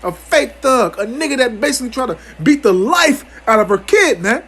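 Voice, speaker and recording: A man's voice: very high voice, lively intonation, moderate pace, fairly bright tone, husky. A man giving an angry, profane commentary on scripture as a teacher, stammering through restarts and ending almost every phrase with "man".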